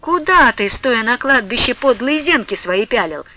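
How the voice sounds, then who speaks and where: A woman's voice: on the high side, animated, pitched above the performer's own voice. A woman doing a shrieking jealous village woman. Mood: furious. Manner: loud, slow, shouting threats. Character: jealous furious village woman, wailing and shrill. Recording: dull, dry lo-fi recording.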